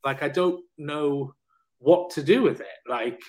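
A man's voice: on the high side, unhurried. A man, a personal trainer and counsellor, speaking as a podcast guest and telling a personal story openly and emotionally, with casual swearing and many restarts. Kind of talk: candid conversational storytelling.

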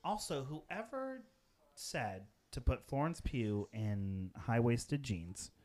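A man's voice: mid-range voice, very animated, slow, darkish tone. A man co-hosting a podcast, chatting casually and exclaiming and swearing as he reacts to a film. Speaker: podcast co-host. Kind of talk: casual chat while watching a movie.

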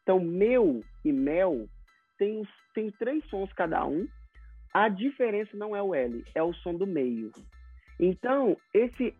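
A man's voice: sits high, sing-song, unhurried, breathy edge, faint music behind. A Brazilian man teaching English pronunciation in an interview, explaining with acted-out example dialogues. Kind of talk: casual interview talk. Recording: tinny phone-like sound.

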